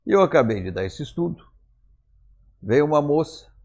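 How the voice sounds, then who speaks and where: A man's voice: fairly high pitch, very animated, moderate pace, vocal fry, darkish tone. A man with a Brazilian accent preaching a sermon in church, telling stories in a conversational way and acting out the dialogue. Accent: Brazilian Portuguese. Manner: conversational, acts out quoted dialogue. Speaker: pastor. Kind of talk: storytelling sermon.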